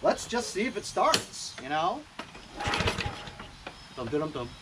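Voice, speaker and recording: Heavy background noise surrounds this 50-something small engine repair vlogger, whose high, sing-song voice moves unhurriedly. Filmed on an action camera outdoors in a driveway and backyard, he rambles casually with fillers as he works on machines.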